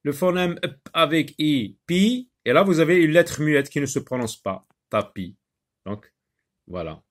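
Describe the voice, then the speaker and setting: A man giving a children's phonics lesson, sounding out syllables one at a time. He speaks slowly, and his voice sits a little high and swings widely in pitch. He hesitates often and repeats each word several times. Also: lively intonation. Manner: slow, repeats words and syllables, explains in French with short Arabic asides; hesitant, many pauses and fillers. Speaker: teacher.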